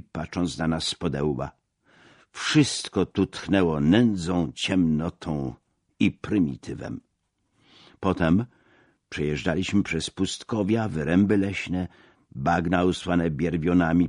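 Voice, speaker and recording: Man, audiobook narrator, husky tone, dry close recording, expressive delivery. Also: low-pitched, no room sound. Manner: expressive, dramatic storytelling.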